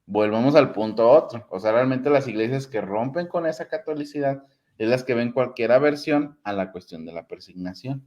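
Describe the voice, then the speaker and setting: A man's voice: mid-range voice, expressive, moderate pace, a little mellow, muffled recording. Explanatory man. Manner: explanatory, repeats himself to make a point. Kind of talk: casual conversation on theology.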